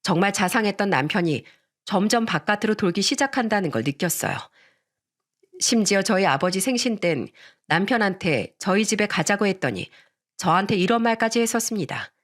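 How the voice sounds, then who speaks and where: Female narrator for a scripted radio story, confiding first-person tone, lively pitch. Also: a little fast.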